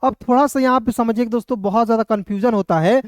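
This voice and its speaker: A man teaching English in a casual classroom lesson, asking viewers quick questions and answering them himself. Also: very high voice, dry recording, clean studio sound. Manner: repeats rhetorical questions to viewers.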